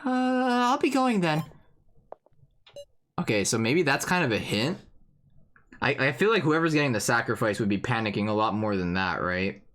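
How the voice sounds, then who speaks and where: A woman streamer giving chatty let's-play commentary, thinking out loud with lots of fillers. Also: extremely low pitch, brisk, a little hiss or hum. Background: game music.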